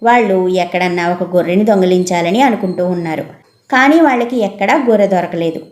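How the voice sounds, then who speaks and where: A woman narrating a children's folk tale in a steady, measured way. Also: fairly low pitch, echoey room. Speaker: storyteller. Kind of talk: storybook narration.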